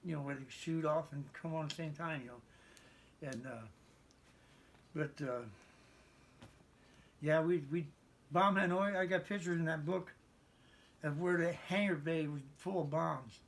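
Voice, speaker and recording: A man's voice: a little high, unhurried, pauses often. An American man in his seventies, a veteran remembering his service in rambling, folksy conversation with stammered repeats. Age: 70s. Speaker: interviewed Navy veteran. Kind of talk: conversational reminiscence.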